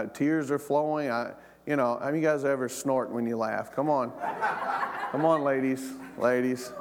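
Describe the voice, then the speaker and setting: A man preaching a sermon as pastor, praying and telling stories, animated, often repeating words and asking the congregation questions. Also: a little high, long reverb tail. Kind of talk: sermon with prayer and storytelling.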